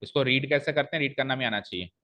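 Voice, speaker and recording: A male maths teacher explains a problem step by step to his class, asks them questions and reads expressions aloud slowly, stressing the pauses. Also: medium pitch, bright, forceful tone.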